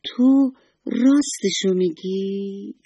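A woman voicing a small, timid snowman who talks in a high, pleading, tearful way in a children's story. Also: warm tone, husky, no room sound. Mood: hopeful.

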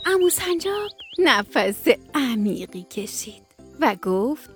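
High-voiced woman telling a bedtime story. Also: big pitch swings, music in the background. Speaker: bedtime storyteller on a children's radio. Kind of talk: scripted bedtime story narration.

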